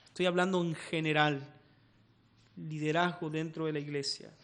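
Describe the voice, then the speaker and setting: A man with an Argentine Spanish accent delivers a church sermon, his voice high and bright, with a forceful edge. He drops into quiet asides, then rises into urgent exhortation. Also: flat delivery, moderate pace. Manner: emphatic, swinging between quiet asides and raised exhortation. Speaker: pastor.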